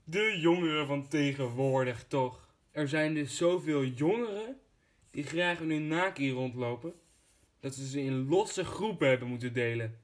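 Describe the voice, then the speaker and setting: A man narrating a scripted video as its host, in a deadpan, playful manner. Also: fairly high pitch, unhurried.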